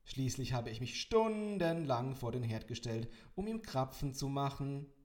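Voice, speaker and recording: Guy putting on a high singsong mom voice, fussy and doting, storybook reading. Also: huge pitch swings, normal speed. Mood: sing-song. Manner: singsong, fussing. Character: doting chatty middle-aged mother, artist.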